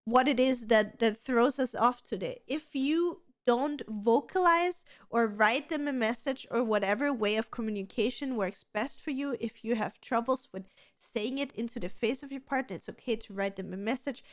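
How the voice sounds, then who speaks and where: Speaking at a normal speed in a slightly high voice, a woman co-hosts a casual podcast. She's chatty, offers advice, stutters slightly, and often starts over mid-sentence.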